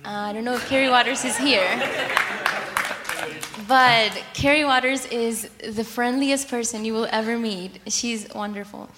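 A young woman from Colombia chatting onstage about her church, lively and often laughing. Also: fairly high pitch, a little slow, a little hiss or hum. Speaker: church member guest. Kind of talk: onstage testimony. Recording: echoey hall.

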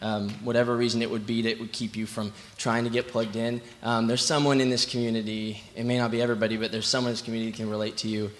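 A man gives advice to a church audience in a level, flat voice with little rise and fall. He pauses often and fills gaps with ums. Faint ambient noise sits behind him. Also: mid-range voice. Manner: hesitant, many fillers. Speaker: church member guest. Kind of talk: onstage testimony.

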